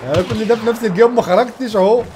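A young man with an Egyptian Arabic accent hosting excited gameplay commentary, gushing and laughing as he plays. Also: high-pitched, rapid-fire, background noise. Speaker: gaming channel host.

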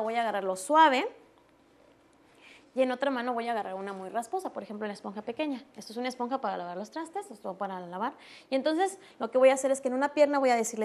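Woman, Mexican accent, high voice; instructor demoing on a TV morning show, patient and gentle. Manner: explains slowly, softens words for babies. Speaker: early stimulation instructor.

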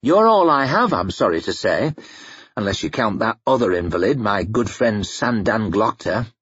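A man voicing a sharp-tongued, protective young woman with a teasing, dry manner in an audiobook reading. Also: fairly low pitch, sing-song, moderate pace, breathy edge, no room sound, muffled recording, full character voice.

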